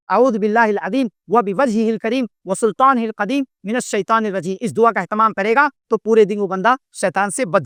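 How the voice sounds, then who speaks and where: A man delivers a sermon in a high, bright voice that stays smooth and clear. He keeps asking the crowd questions and answering them himself. The sound is dry and close, with slow, careful Arabic recitation. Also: no room sound. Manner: recites Arabic supplications slowly and deliberately. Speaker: Islamic preacher. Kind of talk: sermon lecture to a gathering.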